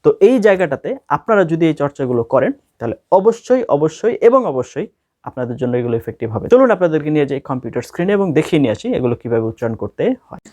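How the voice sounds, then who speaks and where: A man's voice: on the high side, big pitch swings, mellow, no echo. A man with a Bangladeshi accent teaching an English speaking lesson, explaining step by step and repeating key words for stress. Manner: reads practice lines very slowly and carefully. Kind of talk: spoken language lesson.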